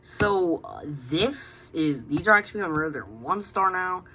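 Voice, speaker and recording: A radio collector presents his collection indoors by his shelves, speaking a little slowly in an animated, medium-pitched voice. He rambles without a script, hesitating and often letting sentences trail away. The home recording is noisy.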